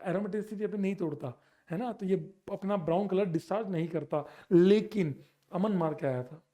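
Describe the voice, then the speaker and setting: A young man teaching chemistry in an online exam-prep lecture, lively and teasing, mixing in English terms. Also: high-pitched, moderate pace.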